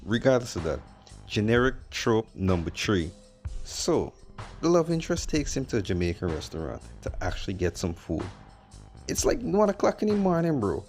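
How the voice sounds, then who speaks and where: A man's voice: lowish voice, sing-song, normal speed, a little mellow, faint music behind. A man narrating a sarcastic movie review in a blunt, mocking, slangy way.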